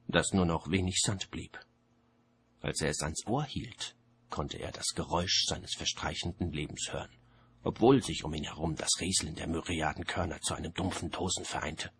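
A man narrating a story in a measured storytelling manner. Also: low voice, a bit bright, slightly rough. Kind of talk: audiobook narration.

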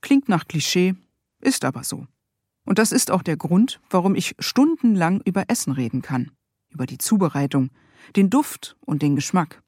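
Memoir narrator, dry wry humor, mid-pitched voice, close and dead-dry sound, reading in a booth. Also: animated, normal speed, darkish tone, slightly rough, no echo. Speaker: author reading own memoir. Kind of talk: scripted first-person memoir narration.

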